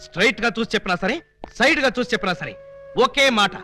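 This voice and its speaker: A flustered police officer in a film comedy, protesting indignantly. His voice is very high and bright over faint music. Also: expressive, very fast.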